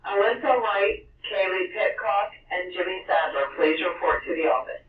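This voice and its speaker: A man reading an announcement over a school intercom, calling people to the office in a flat tone. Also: high voice, normal speed, far from the mic. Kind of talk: public address announcement. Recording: tinny echoey intercom speaker from afar.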